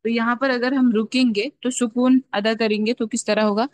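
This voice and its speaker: A woman teaching a Quran recitation class, explaining patiently step by step and slowly drawing out sounds to demonstrate them. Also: a little high, fairly even intonation. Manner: checks in often with a repeated "okay". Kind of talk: online tajweed lesson.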